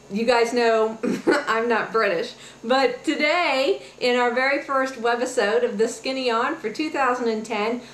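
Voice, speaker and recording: A woman's voice: a little high, slight background noise. Chatty woman in an echoey room. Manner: chatty, many fillers and restarts, encouraging. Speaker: health and fitness webisode host. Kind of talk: casual advice vlog. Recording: echoey room with faint ambience.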